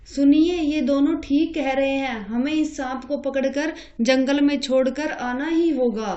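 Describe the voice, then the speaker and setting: A woman's voice: high-pitched, unhurried, dark tone, echoey room, dull audio. A woman voicing a caring, bustling village mother. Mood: concerned. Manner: bustling, concerned.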